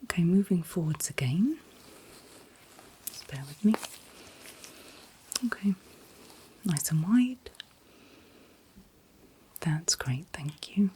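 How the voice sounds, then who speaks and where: Woman, whispered role-play, very breathy, slow pace, calm attentive dentist, gentle reassurance. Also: fairly low pitch. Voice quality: breathy, mostly unvoiced whisper. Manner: gentle, reassuring, unhurried instructions. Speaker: ASMR performer playing a dentist.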